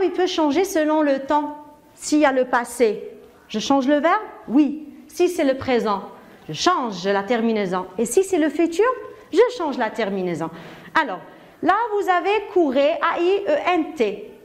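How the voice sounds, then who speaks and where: A woman with a Moroccan accent leads a grammar class for young pupils. Her voice sits high and swings widely in pitch. She speaks slowly, asks question after question and praises correct answers. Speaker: primary school teacher. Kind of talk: grammar lesson.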